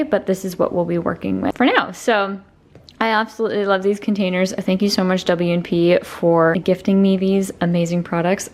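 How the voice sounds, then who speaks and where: A young woman who works as a lifestyle vlogger chats casually to the camera at home, upbeat and rambling. Her voice sits on the low side and sounds congested and slightly nasal from allergies.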